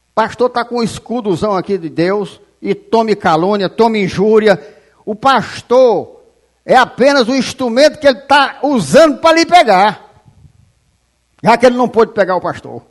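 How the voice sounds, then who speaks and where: A pastor preaching a fiery sermon, shouting and scolding the congregation, often calling them "rapaz". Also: male voice, high-pitched, animated, moderate pace. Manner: quotes scripture aloud.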